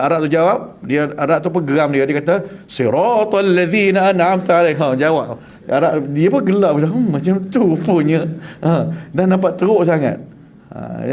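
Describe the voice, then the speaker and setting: A man teaching a Quran class, telling joking stories in an animated way. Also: on the high side. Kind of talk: humorous religious class.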